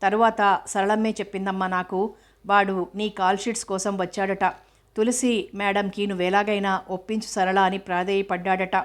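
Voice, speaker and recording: A woman's voice: medium pitch, level tone, moderate pace, lightly acted. A woman reading as a humble, pleading housemaid. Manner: soft, respectful pleading. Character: loyal, devoted housemaid, humble and earnest.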